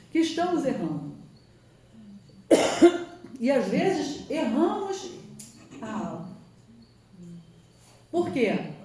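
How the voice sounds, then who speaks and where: A woman's voice: on the high side, dark tone. A Brazilian woman, a psychologist, giving an earnest spiritual lecture to an audience, posing rhetorical questions and answering them with emphasis. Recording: echoey hall, distant mic, faint noise.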